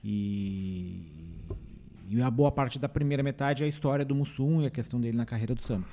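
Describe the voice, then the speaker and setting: Cara de voz mansa com sotaque gaúcho, hesitando bastante enquanto fala do filme. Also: male voice, mid-range voice, brisk, warm tone, a little hiss or hum. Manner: easygoing, hesitant, many fillers. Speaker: film critic. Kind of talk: casual film review chat.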